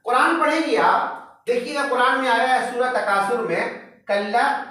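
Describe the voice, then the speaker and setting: A man teaching a tajweed class, slowly spelling out letters and vowel marks one by one and reciting short examples. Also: extremely high pitch, sharp tone, very echoey, distant mic, low-quality recording. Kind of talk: online tajweed class explanation.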